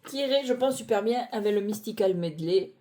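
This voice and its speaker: A woman reviewing tarot decks in a casual, hesitant chat, often pausing with fillers and laughing at her own clumsiness, recorded on a phone on a stand at home. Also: medium pitch, expressive, warm tone. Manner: chatty, hesitant, self-deprecating, many fillers.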